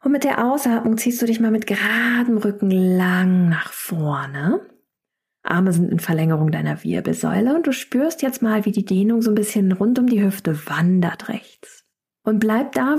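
Soft-spoken woman guiding a yoga class. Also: medium pitch, a little slow, gravelly, breathy edge. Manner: calm instructive cueing with breath counts. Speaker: yoga instructor. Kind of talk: guided chair yoga class.

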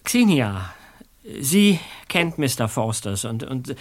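A man's voice: medium pitch, very animated, slow pace. An actor playing a nervous teenage boy under questioning who stammers and defends himself.

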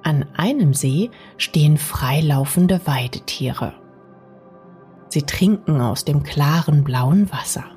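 A woman narrates a bedtime sleep story in a soft, soothing, partly whispery way, speaking intimately to the listener. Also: low-pitched, lively intonation, slow pace. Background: music.

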